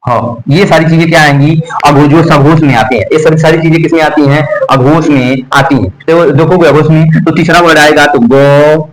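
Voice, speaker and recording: A man's voice: on the high side, fairly even intonation, low-quality recording. A man teaching an exam-prep grammar lesson, drilling letters over and over and answering his own questions. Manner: slow, drilling repetition of letters and terms; asks the class questions and answers them himself.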